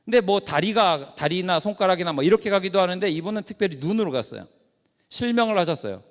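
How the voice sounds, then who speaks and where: A male pastor giving a lecture in the style of a sermon, telling an animated story and acting out its dialogue. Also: high voice, quick pace. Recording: long hall reverb.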